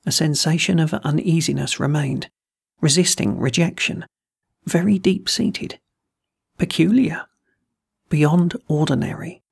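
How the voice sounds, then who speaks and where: A host reading a classic ghost story aloud, with measured, deliberate storytelling. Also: mid-range voice, creaky, breathy edge. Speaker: host and reader of a horror story.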